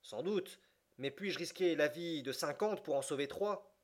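A man's voice: on the high side, measured pace, pitched above the performer's own voice. This is a proud fort captain, played by a man reading an audiobook. He speaks in a raised, emphatic voice above the narration and stays stern and bound by duty.

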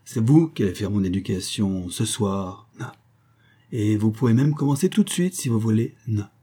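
A man's voice: fairly low pitch, expressive, normal speed, mellow, husky. A man voicing a cheeky young husband who plays the innocent schoolboy, reciting in a teasing singsong. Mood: mock-innocent.

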